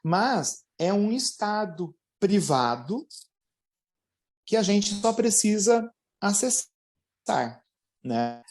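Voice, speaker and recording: A man's voice: high voice, sing-song, drawn-out words, long pauses, darkish tone. A man speaks as a psychologist guest in an interview. He explains patiently, tacking tag questions onto his phrases and slipping into little voiced quotes of everyday people.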